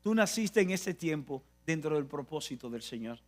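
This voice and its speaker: Dominican preacher guy, kinda high voice, hammers the same lines over and over. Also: animated, moderate pace. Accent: Dominican Spanish. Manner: emphatic and repetitive, with frequent restarts. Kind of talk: sermon.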